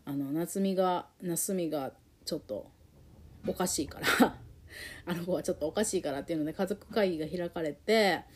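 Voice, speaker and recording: A woman telling her own story in a candid, emotional and reflective way, with many pauses and fillers. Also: on the low side.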